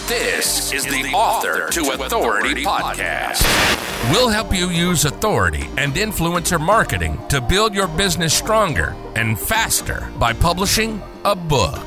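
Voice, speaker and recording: A man announcing a podcast intro in a dramatic, emphatic scripted delivery. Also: fairly high pitch. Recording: clear music bed behind.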